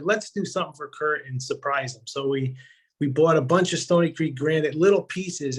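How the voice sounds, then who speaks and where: A man sharing a fond memory in casual storytelling on a video call, animated and acting out his quotes. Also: on the high side, poor audio. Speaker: community member sharing memories.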